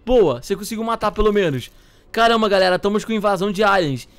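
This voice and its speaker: A young man hosting a gaming channel, chatting excitedly and joking with his co-player during gameplay. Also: high-pitched, fast talker, clear, resonant tone. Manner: animated, exclaiming, joking with co-player.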